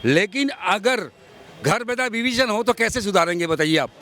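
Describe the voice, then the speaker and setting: A man's voice: high voice, expressive, normal speed, pushed and bright. A man in his fifties from Assam, arguing his views insistently in a street interview outdoors. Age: 50s. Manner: argumentative, insistent, lecturing.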